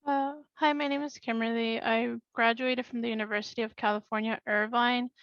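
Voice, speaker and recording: A woman's voice: steady tone, a little fast, a bit bright, no echo. A woman in her twenties, a graduate, speaking plainly and a little hesitantly on a video call. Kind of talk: short speech over a video call. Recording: dry, muffled low-fidelity audio.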